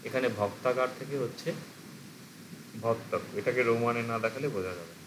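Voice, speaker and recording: A man's voice: mid-range voice, fairly quick, noisy background. Man explaining step by step in a lecture. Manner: explains step by step, asks and answers his own questions. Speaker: teacher. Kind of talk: exam-prep lecture.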